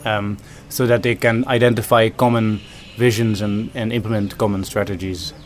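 A man's voice: fairly low pitch, little pitch movement, moderate pace, a little hiss or hum. A man from the Netherlands, a food system consultant answering interview questions thoughtfully, with many ums and restarts.

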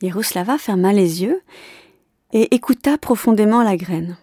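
A woman reads a children's storybook aloud at a steady, clear pace. Her voice is mellow and dark in tone. The recording is dry and close, with no room sound. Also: mid-range voice, moderate pace, dry recording. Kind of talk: scripted storybook narration.

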